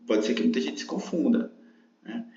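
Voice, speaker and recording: A man of middle pitch walks through an exam-prep grammar lesson, patiently explaining and checking in with the listener. His voice sounds roomy and slightly dull, as if recorded lo-fi in an echoing room. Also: expressive, moderate pace, vocal fry, dark tone. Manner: explanatory, frequent tag questions. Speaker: teacher.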